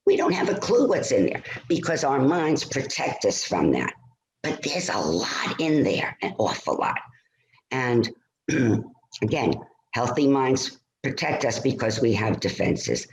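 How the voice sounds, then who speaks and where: A man presenting a stress-management talk on a video call, lively and conversational, often checking in with "all right?". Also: mid-range voice, measured pace, slight background noise. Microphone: computer mic on a video call. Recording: roomy video call audio.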